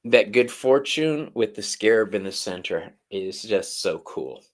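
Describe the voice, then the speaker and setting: A man's voice: fairly low pitch, lively intonation, measured pace. A man co-hosting a live-stream tarot reading in a casual, chatty way, swearing freely. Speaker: tarot reader, stream co-host.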